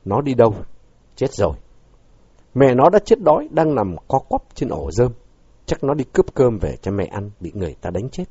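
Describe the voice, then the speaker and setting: A man narrating a story as an audiobook, reading with expressive, dramatic delivery, on a dull lo-fi recording. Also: fairly low pitch, breathy edge.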